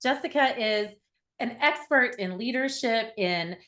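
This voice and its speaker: A woman's voice: fairly high pitch, unhurried, fairly bright tone. A woman in her early forties from Oklahoma, hosting a podcast interview in an enthusiastic, chatty way. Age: 40s. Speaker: podcast host.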